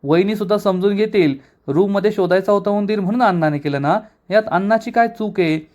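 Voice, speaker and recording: A quarrelsome young mechanic who teases his friend and brags about his lucky vest, as a man reads his lines in a recap. He sounds mocking and a touch high, with an everyday voice. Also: fairly quick, darkish tone, highs cut off, lightly acted. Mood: taunting. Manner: taunting, mocking. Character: boastful young male garage mechanic, quarrelsome.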